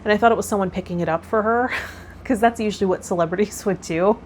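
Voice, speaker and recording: A woman hosting a personal tarot vlog talks casually at a quick pace in a medium-pitched voice, rambling and self-effacing. Background noise is clearly audible.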